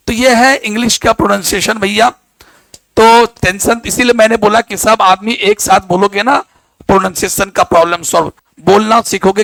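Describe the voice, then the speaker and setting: This is a male biology teacher from Bihar, a voice that sits fairly high. He lectures in a casual, story-driven way and drops into to act out exchanges between people. The recording is dry, almost no room sound. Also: gravelly, dry recording. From Bihar, India. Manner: animated storytelling, acts out dialogue in local dialect. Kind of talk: classroom lecture with anecdotes.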